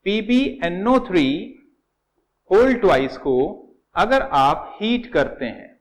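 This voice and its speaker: High-voiced male chemistry teacher. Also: very animated, slow pace, rough recording. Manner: explains step by step, calls students "beta", repeats key words. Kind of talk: classroom lecture at a whiteboard.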